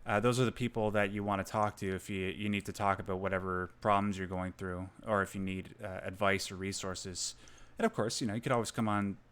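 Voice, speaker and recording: A man's voice: lowish voice, steady tone, brisk, a bit bright, smooth. A man hosting a podcast, talking casually and encouragingly to a guest. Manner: encouraging, supportive. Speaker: podcast host. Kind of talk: casual chat.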